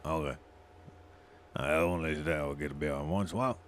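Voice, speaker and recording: A man's voice: rumbling low, fairly quick, slight background noise. A man working as game master, narrating a tabletop role-playing game in a casual way.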